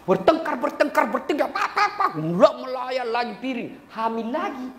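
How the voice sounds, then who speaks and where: Guy preaching, super animated and jokey, voice bouncing around, roomy echo. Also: extremely high pitch, brisk, a little hiss or hum. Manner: lively, joking, breaks into song. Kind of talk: humorous sermon. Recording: echoey hall with faint ambience.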